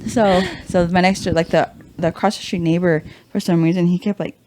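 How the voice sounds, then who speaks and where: A woman's voice: fairly low pitch, fairly even intonation, fairly quick, darkish tone, a little hiss or hum. Casual, profane young woman telling a story. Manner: loose and profane, full of "like" and "you know". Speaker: podcast guest.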